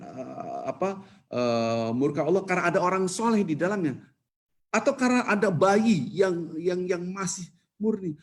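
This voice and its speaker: A man giving a Ramadan sermon at a mosque, telling a story and acting out the quoted voices. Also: breathy edge. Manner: storytelling, acts out quoted voices with rising pitch. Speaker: preacher.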